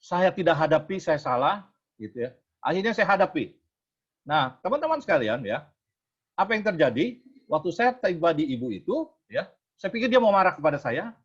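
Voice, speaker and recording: A man giving a testimony at a prayer meeting, telling a story in a lively way and asking his listeners questions. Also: sits high, moderate pace, long pauses, husky, dull audio. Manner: lively storyteller who asks the audience rhetorical questions.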